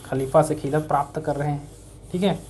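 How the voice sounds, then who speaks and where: A man's voice: on the high side, fairly even intonation, a little fast, darkish tone, a little hiss or hum. A man teaching an exam-prep history lesson in a conversational way. He asks his own questions, answers them, and repeats key words for emphasis, with a Chhattisgarhi-tinged accent. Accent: Chhattisgarhi-tinged Hindi.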